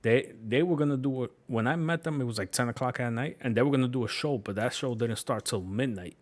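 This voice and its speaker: A man's voice: mid-range voice, fast. A man with a New York accent chatting casually while streaming a game, rambling through stories with swearing. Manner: rambling, laid-back storytelling with profanity. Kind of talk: casual chat while gaming.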